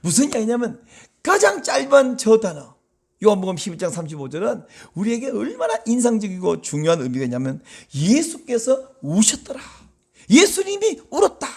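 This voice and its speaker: A man's voice: a little fast, creaky, slightly rough. A man preaching a sermon as pastor, talking conversationally to the congregation and acting out quoted voices. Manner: animated, acts out quoted voices with big pitch swings; conversational, asks the congregation questions.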